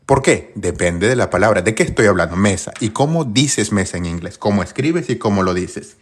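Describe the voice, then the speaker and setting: Lively low-voiced male English teacher. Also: moderate pace, breathy edge. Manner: lively, rhetorical questions to viewers. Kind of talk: online grammar lesson.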